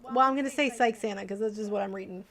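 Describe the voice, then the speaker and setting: She talks fast in a medium-pitched voice, hosting a livestream where she alternates between casual, chatty conversation aimed directly at viewers and reading bedtime stories for kids.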